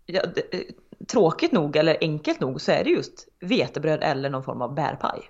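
A woman's voice: low voice, very animated, darkish tone, slightly rough. A woman in a casual chat, talking frankly and emphatically and swearing casually. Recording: dull lo-fi sound.

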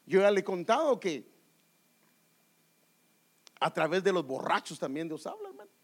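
A man's voice: high-pitched, wildly swooping pitch, normal speed. A man preaching a sermon with emphatic rhetorical questions, often calling his listeners "brother".

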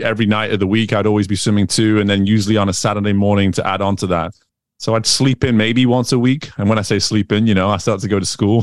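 A man in his thirties, an English swim coach whose Northern accent has picked up American sounds, is a guest in a casual interview conversation, restarting often and using many fillers. His voice is smooth and on the low side. There's no room sound, just clean studio audio.

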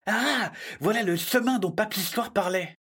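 A woman's voice: mid-range voice, normal speed, fairly bright tone, slightly rough. A woman voicing a know-it-all young boy. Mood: confident.

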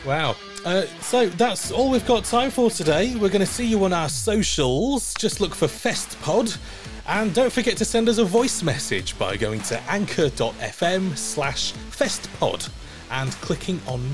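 A man hosting a podcast, playful and fond of puns, reading the sign-off. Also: high-pitched. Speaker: podcast host. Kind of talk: casual podcast chat and outro.

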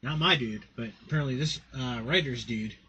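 A man's voice: medium pitch, brisk, bright, forceful tone, slightly rough, rough recording. A man hosting a podcast in a casual, chatty style. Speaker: podcast host.

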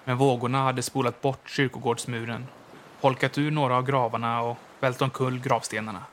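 A man in the middle pitch range reads a ghost story aloud. His delivery is slow and measured, and it draws out the tense moments. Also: fairly bright tone, slight background noise. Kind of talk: scripted narration of a ghost story.

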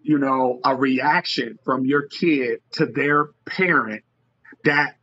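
A man's voice: medium pitch, slow, sharp tone, slightly rough. A man on a podcast giving emphatic, preachy advice about parenting. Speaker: podcast guest. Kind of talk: casual podcast chat. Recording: dull lo-fi audio.

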